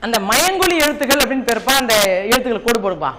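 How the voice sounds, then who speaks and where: A man's voice: very high-pitched, sing-song, rapid-fire, a loud crowd. A man teaching a Tamil class with a Tamil Nadu accent, repeating key points and quizzing his students. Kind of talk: classroom lesson. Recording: noisy classroom recording.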